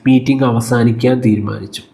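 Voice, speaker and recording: Malayali guy tutoring, mellow dark voice, reads the english questions slow then asks himself what the answer is. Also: medium pitch, fairly even intonation, vocal fry. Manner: explains step by step and asks himself rhetorical questions; mixes English words into his Malayalam talk. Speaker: exam tutor. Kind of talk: teaching lesson, solving exam questions.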